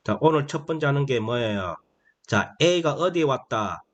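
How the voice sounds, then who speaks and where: A man teaching English phonics to beginners in a slow, explanatory way. He keeps asking questions and answering them himself, and he drags out the key phrases. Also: medium pitch, animated, lo-fi sound. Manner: repetitive, asks and answers his own questions; drawls key phrases slowly.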